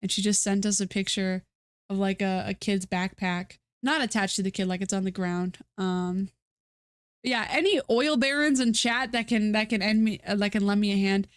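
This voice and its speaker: A woman with a stuffy nose talks on a home live stream in a middle-pitched, slightly stuffy voice with a clean tone, at a moderate pace. She meanders and restarts, using lots of fillers and poking fun at herself. The audio is close and dry, with no echo.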